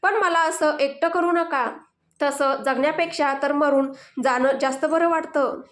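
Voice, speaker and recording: A remorseful middle-aged woman from a storybook, read out by a woman. She pleads slowly and humbly in a high voice. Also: fairly even intonation. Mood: pleading.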